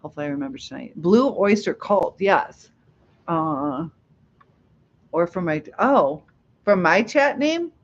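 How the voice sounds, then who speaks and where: This livestream host, a middle-aged woman from Ohio, reads the chat in a casual, rambling way and laughs frequently. Her fairly low voice is animated, her pace measured, and she leaves long pauses. The audio is dull and lo-fi.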